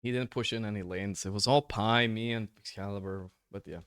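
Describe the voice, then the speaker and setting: A man's voice: fairly low pitch, steady tone, fairly quick, fairly bright tone, clear, resonant tone. A man streaming to his chat, frustrated, repeating "like, bro" and swearing freely while he reviews a match recording. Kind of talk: casual chat to stream viewers. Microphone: headset or desk mic, turned up high.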